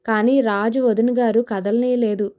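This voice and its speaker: A woman's voice: on the high side, steady tone, unhurried, warm tone, natural voice. A woman voicing a sweet young college girl with a pouting, pleading manner.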